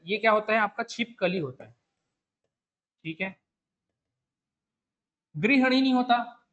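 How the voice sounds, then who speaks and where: A man with a Chhattisgarhi Hindi accent teaches an online exam-prep lesson in a high voice. He works through each option step by step and repeats the key words. The recording sounds dull and lo-fi. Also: a bit bright. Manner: explains step by step, repeats the question and the answer over and over.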